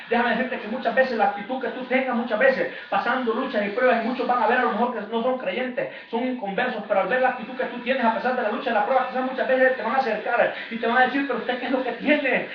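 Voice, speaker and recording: A man's voice: extremely high pitch, fairly even intonation, quick pace, few pauses, a little hiss or hum. A man preaching a sermon as an evangelist, in a fervent, repetitive preaching cadence. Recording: echoey, distant, dull lo-fi church recording.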